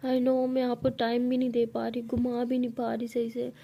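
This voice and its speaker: A woman's voice: on the high side, completely flat delivery, moderate pace, creaky, lo-fi sound. Woman voicing soothing young woman Ishani. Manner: coaxing, placating.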